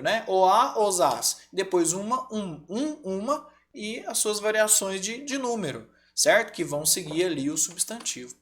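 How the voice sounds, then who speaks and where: A Brazilian man teaching a grammar class online, lively and often checking in with his students. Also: high voice. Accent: Brazilian Portuguese.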